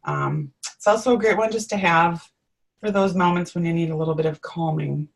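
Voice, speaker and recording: Lower-voiced woman co-hosting a webinar. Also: big pitch swings, a little fast. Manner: friendly, explanatory, frequent ums. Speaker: webinar co-host. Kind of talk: casual presenting.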